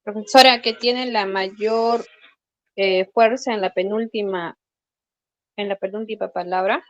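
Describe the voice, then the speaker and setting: A woman's voice: medium pitch, fairly even intonation, a little slow, no room sound. Hesitant girl student on a dull line. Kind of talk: answering in online class.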